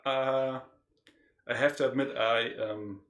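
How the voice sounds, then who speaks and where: A man's voice: medium pitch, steady tone, slow, a bit bright. A tired man co-hosting a casual livestream chat, laughing often and hesitating with lots of fillers. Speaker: podcast co-host and game developer.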